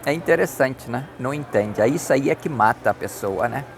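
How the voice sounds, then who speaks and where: A middle-aged man with a Brazilian Portuguese accent gives a casual spoken lesson, repeating and spelling out words slowly. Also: medium pitch, lively intonation. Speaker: English tips vlogger. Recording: noisy outdoor street recording.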